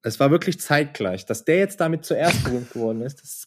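A man's voice: mid-range voice, animated, fairly quick. A man chatting casually as a podcast guest, telling a story animatedly and laughing often. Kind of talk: casual chat.

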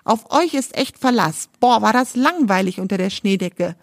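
A woman's voice: mid-range voice, lively intonation, normal speed, no room sound, studio quality. A woman voicing a cheerful, chatty male magic motorcycle in a children's story, a bit whiny about being bored. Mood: relieved.

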